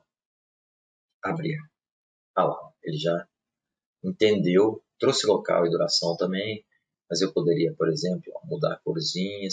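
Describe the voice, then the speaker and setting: Soft-spoken deep-voiced man. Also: vocal fry. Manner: casual, talks through clicks, many tag questions; speaking softly. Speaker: software trainer. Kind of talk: live webinar screen-share demo.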